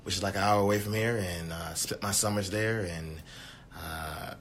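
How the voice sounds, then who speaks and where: Deep-voiced young man, bright edge. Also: steady tone, moderate pace, slight background noise. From Richmond, Virginia. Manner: earnest, repeats phrases, many uhs. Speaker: YMCA sports director, guest. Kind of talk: casual interview.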